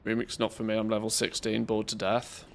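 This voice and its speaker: A man's voice: lowish voice, completely flat delivery, a little fast. A man giving casual, wry gameplay commentary to his group. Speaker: gamer streaming group raids.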